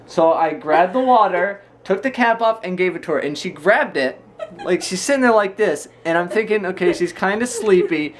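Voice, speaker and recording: A vlogger chatting casually to camera, telling stories in an animated way and acting out reactions. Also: mid-range voice. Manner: animated retelling with imitated reactions. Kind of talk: casual storytelling chat to camera.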